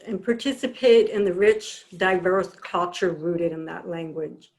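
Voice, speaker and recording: A woman's voice: mid-range voice, rough recording. Woman presenter explaining in a presentation.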